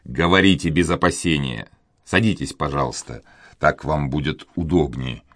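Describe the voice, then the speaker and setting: A man voicing a courteous, impatient young gentleman in love, speaking in his own deep voice. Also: normal speed, no echo. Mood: urgent courteous. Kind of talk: audiobook character reading.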